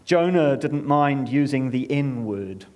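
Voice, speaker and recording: A man narrating a scripted story in a measured, solemn way, returning to a repeated refrain. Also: mid-range voice, animated, a little mellow.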